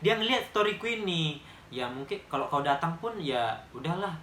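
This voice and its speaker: A young Indonesian vlogger in his twenties, with a Medan accent, tells a casual story to the camera in a chatty, emphatic way. His voice is a little high and fairly bright, with lively intonation and normal speed, recorded with roomy echo and a little hiss or hum.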